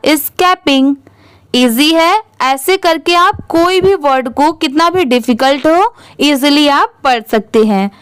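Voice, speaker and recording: A young Indian woman with a high voice teaches English reading, spelling out words letter by letter and putting questions to the viewer. It's a slow spelling lesson, recorded with no room sound.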